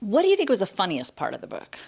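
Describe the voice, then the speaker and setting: A woman's voice: medium pitch, wildly swooping pitch, quick pace, gravelly, a little mellow, breathy edge. A woman hosting a podcast, interviewing children about a book with short, playful questions. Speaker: podcast host.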